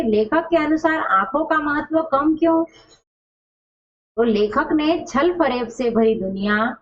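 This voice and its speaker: A woman teacher explaining a textbook lesson to her class. Her voice sits a little high, and she keeps asking questions and answering them herself, drawing out words to show how they are pronounced. The recording sounds dull and lo-fi. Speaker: school Hindi teacher.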